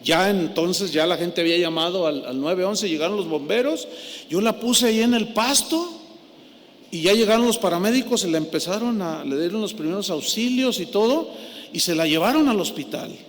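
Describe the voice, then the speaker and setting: High-voiced preacher in a hall. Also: male voice, normal speed. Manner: animated, swings from hushed to loud. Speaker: pastor. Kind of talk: sermon storytelling. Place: large church hall. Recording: echoey hall, faint noise.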